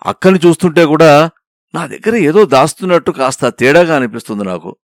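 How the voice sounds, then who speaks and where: Expressive male storybook reader. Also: on the high side, no room sound, clean studio sound. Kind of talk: scripted storybook narration.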